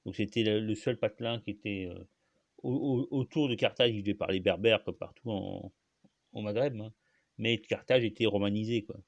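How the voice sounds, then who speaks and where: A man's voice: fairly low pitch, steady tone, normal speed, dry recording, muffled recording. A man hosting his own channel, talking alone in a rambling, casual way, full of fillers and restarts. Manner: rambling, many fillers and restarts, frequent coughs. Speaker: channel host. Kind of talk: casual solo monologue.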